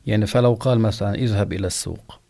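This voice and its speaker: A man, a sheikh calmly explaining rulings to callers with examples. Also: fairly low pitch, racing, gravelly. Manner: calm, explanatory, gives examples. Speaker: sheikh answering callers' questions. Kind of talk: religious call-in answers.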